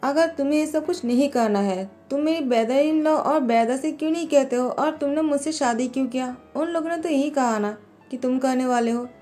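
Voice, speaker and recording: Woman voicing a naive little husband, sweet and pleading, mellow tone, for a storybook over music. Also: high voice, normal speed, voice pushed up, close to an everyday voice. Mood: innocent. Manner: innocent, pleading. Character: naive, childlike young husband, sweet and fearless.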